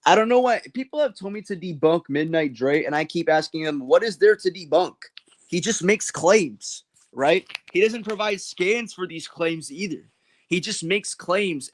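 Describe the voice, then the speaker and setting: A man's voice: on the high side, a little slow. A man from California with a standard American accent, streaming casual commentary in a blunt, slangy way. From California, United States. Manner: blunt, slangy, heavy swearing. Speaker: livestreamer answering viewer questions.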